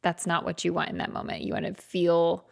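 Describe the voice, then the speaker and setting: A woman's voice: lowish voice, completely flat delivery, a little fast, gravelly. A woman co-hosting a podcast, talking in a casual, chatty and self-deprecating way and laughing often. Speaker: podcast co-host. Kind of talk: casual chat.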